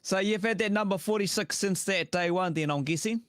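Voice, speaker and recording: Matey high-pitched man, broad Kiwi accent. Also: fairly quick, a bit bright, dry recording, clean studio sound. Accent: broad New Zealand (Kiwi). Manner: matey, effusive, slangy. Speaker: live show host. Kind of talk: casual chat interview.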